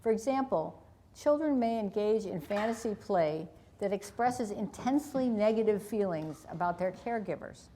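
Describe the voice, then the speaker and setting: A woman author reads aloud from her own parenting book in a measured, calm manner. Her voice sits at an ordinary mid pitch. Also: a little hiss or hum.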